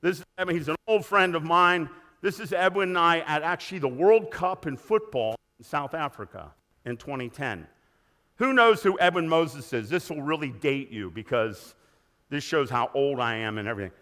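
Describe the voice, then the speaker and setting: A man in his sixties giving an energetic motivational keynote in a large conference hall, asking the audience questions. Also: a little high, normal speed. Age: 60s. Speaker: keynote speaker.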